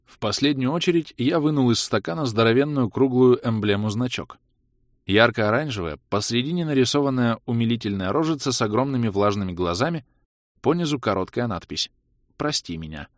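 A man reading a story aloud in first person, with wry, lively delivery. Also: medium pitch, brisk, dry recording, clean studio sound. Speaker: audiobook narrator. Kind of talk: first-person scripted narration.

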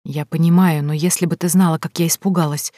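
A woman's voice: low voice, steady tone, fairly quick, warm tone, no room sound, studio quality. A woman reader voicing a shy, easily frightened young girl who speaks hesitantly. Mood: shy relief.

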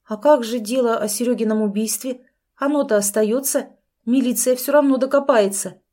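A woman's voice: a little high, moderate pace, dark tone, pitched above the performer's own voice, close to an everyday voice. A woman reading an audiobook, voicing a cornered young man who answers in short, strained, clipped lines. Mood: tense. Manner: clipped, strained, terse replies.

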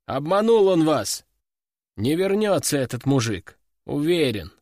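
Brief: sad deadpan young soldier, read by a male narrator, slightly high, dry close sound. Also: a little slow, no room sound. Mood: glum. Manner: flat, mournful delivery. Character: gloomy young male recruit, deadpan and sincere.

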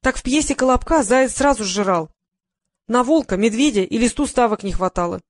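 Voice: mid-range voice, lively intonation, brisk, no echo, studio quality, natural voice. An audiobook reader voicing a gossipy woman who complains about her old provincial theater. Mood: grumbling. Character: chatty grumbling woman, former provincial actress.

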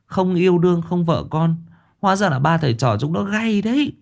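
A man's voice: sits high, brisk, gravelly, voice pushed up. A man voicing middle-aged women passersby who gossip and sigh. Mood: gossipy. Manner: gossipy, sighing.

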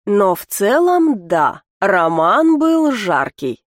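A woman's voice: medium pitch, sing-song, takes it slowly, dry recording, studio quality. A woman voicing a giggly, gossiping young female student in an audiobook, chatty in manner. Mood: gossipy.

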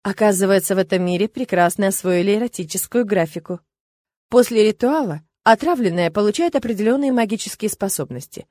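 A woman's voice: medium pitch, expressive, fairly quick, a little mellow, no echo. A young adult woman reading a first-person audiobook in a wry, conversational way. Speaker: audiobook narrator.

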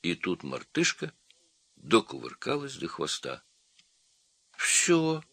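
A man narrating a children's storybook in a measured, expressive reading. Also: low voice, creaky, slightly rough, dry recording. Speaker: audiobook narrator.

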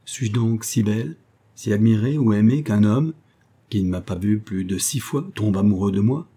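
A man's voice: lowish voice, normal speed, warm tone, slightly rough. A man reading an audiobook, voicing a proud, bitter young woman of twenty-three who speaks coldly and with restrained resentment. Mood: cold indignant.

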